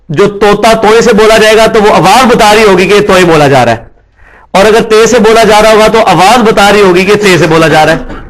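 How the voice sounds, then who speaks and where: A man giving a classroom lecture as a religious teacher, explaining patiently and often checking in with his listeners. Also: high voice. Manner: mixes English words into his speech.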